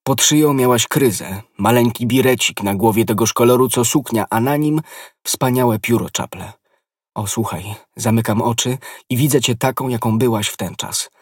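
A man's voice: mid-range voice, normal speed, breathy edge, dry recording, clean studio sound, distant mic, natural voice. A man reading an ardent lovesick nobleman. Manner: passionate, impassioned declarations. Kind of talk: audiobook character reading.

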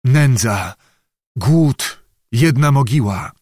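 A man's voice: medium pitch, lively intonation, very slow, a little mellow, no echo, clean studio sound. A male narrator voicing an exhausted, starving young knight who gives short, weary answers. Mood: grim. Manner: weary, terse replies.

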